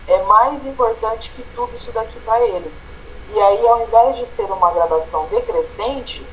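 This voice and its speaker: A Brazilian-accented male teacher talks through a grammar class in a patient, explanatory way. He keeps tagging his points with quick checks to his students. The room has a faint hiss behind him. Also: high voice, a bit bright, rough recording. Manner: explanatory, tags phrases with "né?" and "tá?". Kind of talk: online grammar lesson.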